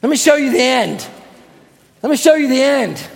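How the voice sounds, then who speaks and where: A pastor with a strikingly high-pitched voice preaches a fervent sermon to his church. He teaches in a calm, quick voice, then slows down and shouts his key lines. His voice rings with a long reverb from the hall. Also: vocal fry. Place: church sanctuary.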